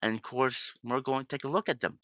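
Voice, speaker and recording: A man's voice: medium pitch, fast, fairly bright tone, dry recording. A man hosting casual gaming commentary with a sick voice, rambling along and often correcting himself. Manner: rambling, with frequent self-corrections. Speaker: gaming channel host.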